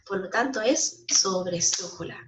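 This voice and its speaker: A woman teacher with a Chilean Spanish accent explaining a school lesson to children, slowly stressing syllables and often checking in with them. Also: medium pitch, recorded from a distance, a little hiss or hum. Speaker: primary school language teacher. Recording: muffled sound, voice a bit off-mic.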